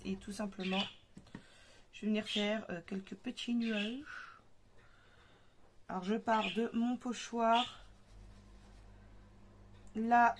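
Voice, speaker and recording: Brief: woman, craft tutorial host, chatty and hesitant, home recording with noticeable noise and parakeets chirping. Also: a little high. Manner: chatty, thinks aloud with many fillers. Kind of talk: casual craft demonstration. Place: home craft table with parakeets and kids nearby.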